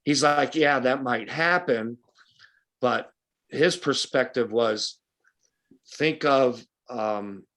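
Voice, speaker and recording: A man from western New York holding forth in casual club talk, a fishing guide with a blunt, folksy, opinionated way of putting things. His voice sits at an ordinary middle pitch. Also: slow pace, pauses often, a bit bright. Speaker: guest speaker, fishing guide.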